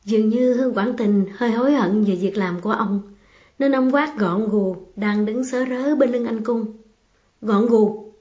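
A woman's voice: a little high, moderate pace, darkish tone. Woman reading a story aloud, muffled. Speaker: audiobook reader. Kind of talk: storybook narration. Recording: slightly muffled, faint music behind.

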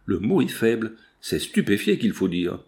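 A man's voice: big pitch swings, normal speed, darkish tone. A man reading the part of an old army general, speaking in a choked, emphatic way. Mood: shaken. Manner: deep, choked-up emphatic speech. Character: old male army general, shaken and grave.

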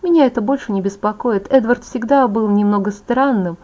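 A woman voicing a proud, beautiful young vampire woman, vain and bitter, in a soft confiding tone. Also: on the high side, brisk, natural voice. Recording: dull lo-fi audiobook audio.

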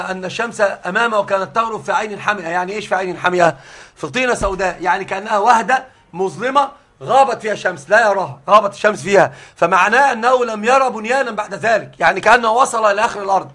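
Male sheikh, high and quick, halting lesson delivery with repeats. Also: pushed and bright. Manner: halting, repeats words often. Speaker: sheikh teaching hadith. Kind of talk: religious lesson.

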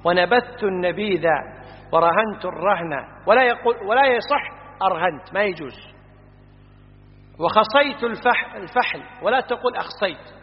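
Man lecturing, high voice, patient, repeats word forms slowly, muffled sound with long reverb. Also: expressive. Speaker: teacher commenting on a classical grammar book. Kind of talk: classroom lecture. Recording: muffled recording in a reverberant hall.

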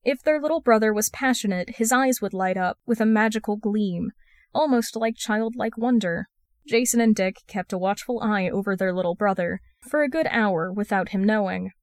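A woman's voice: mid-range voice, moderate pace, dry recording. Woman reading fan fiction, dry sound. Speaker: podfic reader.

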